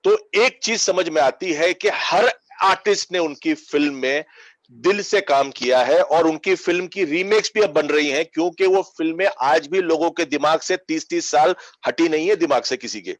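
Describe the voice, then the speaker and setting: A man's voice: a little high, moderate pace, dry recording. A man interviewing a guest and earnestly praising a director, slipping English phrases into his talk.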